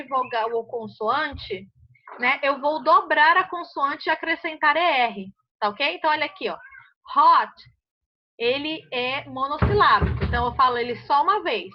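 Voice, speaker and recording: A woman teaching an English grammar class in Brazilian Portuguese, explaining step by step and often checking that students follow. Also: high voice. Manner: patient, checks understanding often. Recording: muffled lo-fi audio.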